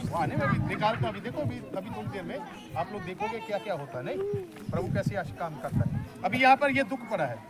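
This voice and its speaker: A high-pitched male preacher delivers an open-air sermon by a river. He exhorts his listeners and leads them in call-and-response. The murmur of a large crowd carries under his voice outdoors. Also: expressive, fast talker. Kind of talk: outdoor sermon at a church picnic.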